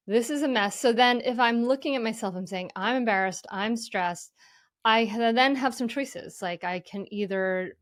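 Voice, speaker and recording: A woman guest explaining mindful parenting in an earnest, gentle way, often saying "you know". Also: fairly high pitch, moderate pace, hardly any pauses, dry recording, clean studio sound. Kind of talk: conversational explanation.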